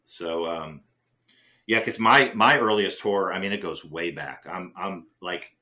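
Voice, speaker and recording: A man co-hosts a casual film podcast and is older than his co-host. His deep voice is a little slow yet pushed and bright, and he rambles chattily with many restarts and fillers.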